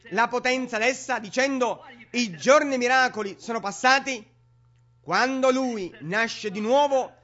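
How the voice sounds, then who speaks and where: A man's voice: very high voice, sharp tone. A man preaching a sermon in an emphatic, repetitive way, on a dull lo-fi recording.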